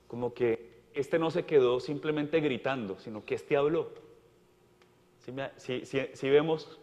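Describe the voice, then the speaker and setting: Male priest, mid-pitched, emphatic homily in a church with a long echo; asks the congregation questions and repeats words. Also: unhurried, a little mellow, muffled recording. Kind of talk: homily at Mass. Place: parish church.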